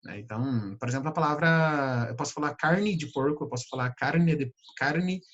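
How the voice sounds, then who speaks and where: A Brazilian man teaching English pronunciation, patiently repeating sounds slowly to demonstrate them. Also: mid-range voice, lively intonation, a bit bright, dull audio. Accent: Brazilian Portuguese. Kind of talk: pronunciation lesson.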